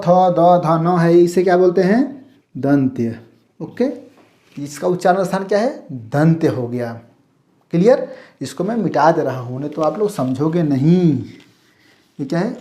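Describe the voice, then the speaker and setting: A man's voice: sits high, darkish tone. A male Hindi teacher giving a mock demo class, asking questions, then answering them himself, in a call-and-response manner. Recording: roomy echo.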